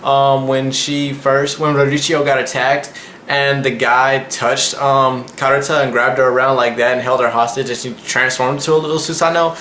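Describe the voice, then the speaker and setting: A bright-voiced young man in his 20s, an anime reviewer and channel host, recaps a vlog episode casually in a slangy, rambling, loosely phrased way. His medium-pitched voice is level at a normal speed, in an echoey room with faint background noise.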